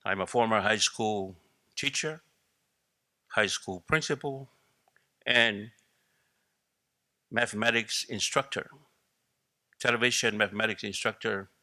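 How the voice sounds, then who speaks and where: Bright, formal panel moderator. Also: male voice, lowish voice, steady tone, normal speed, pauses often, no room sound, studio quality.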